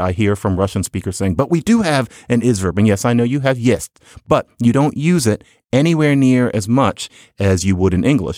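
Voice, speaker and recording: A man hosting a podcast, explaining ideas in a lively, wry, conversational way. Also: on the low side, no room sound, clean studio sound. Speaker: podcast host.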